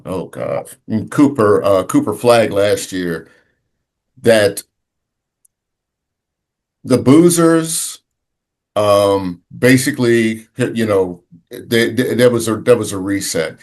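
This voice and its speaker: Lower-voiced, halting sports talk man. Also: a little mellow. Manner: halting, searching for words, many restarts. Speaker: sports podcast co-host.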